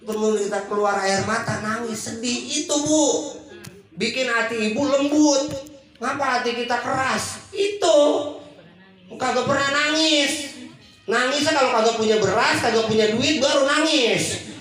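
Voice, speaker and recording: High-voiced Betawi preacher in echoey hall. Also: male voice, measured pace, a bit bright, faint music behind. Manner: jokey, acts out quoted voices. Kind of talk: humorous sermon. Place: monthly religious gathering hall. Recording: very echoey hall, distant mic.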